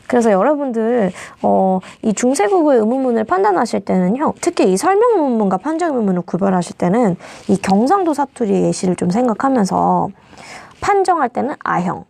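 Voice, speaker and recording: Woman teacher going thru grammar for an exam, bouncy sing-song voice w some gravel, dry close mic. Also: a little high, a little mellow, no echo. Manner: explains step by step, asks students questions. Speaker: Korean language teacher. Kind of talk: exam-prep lecture.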